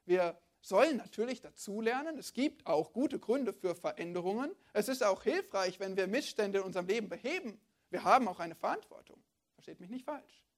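A woman's voice: mid-range voice, lively intonation, a little fast. A woman preacher giving a sermon, talking to her listeners directly and often asking them rhetorical questions.

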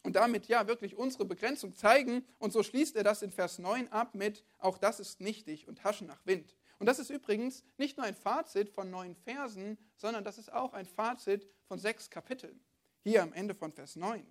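A woman's voice: medium pitch, moderate pace. A woman preacher giving a sermon, talking to her listeners directly and often asking them rhetorical questions.

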